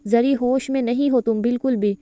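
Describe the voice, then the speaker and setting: Woman reader doing a gentle worried mother in an audio novel, mellow smooth tone. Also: fairly high pitch, steady tone, no room sound, lightly acted. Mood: soothing. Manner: soothing, anxious. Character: worried middle-aged mother, gentle but helpless.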